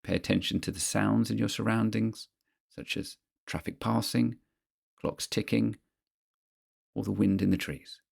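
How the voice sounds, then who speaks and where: Guy doing a guided grounding exercise, really gravelly husky voice, measured and instructional w/ pauses. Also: on the low side, steady tone. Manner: measured, instructional, pausing between phrases. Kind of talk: guided mindfulness exercise, scripted narration.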